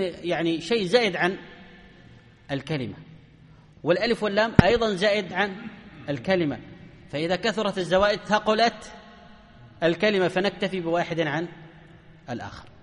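A man's voice: a little high, long reverb tail. A man teaching a grammar lesson to a class, often asking questions and answering them himself.

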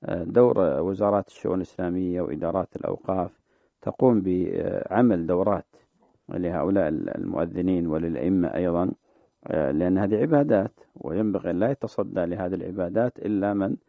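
A man, a sheikh answering religious questions on a call-in show, explaining in a measured way and drawing out the phrases he demonstrates. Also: low voice, creaky, no echo. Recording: dry, phone-like narrow sound.

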